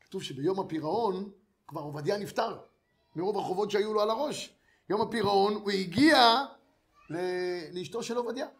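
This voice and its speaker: A man giving a storytelling sermon, acting out the characters' dialogue as he goes. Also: sits high. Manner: animated storyteller who acts out the dialogue of characters. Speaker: rabbi giving a Torah lesson.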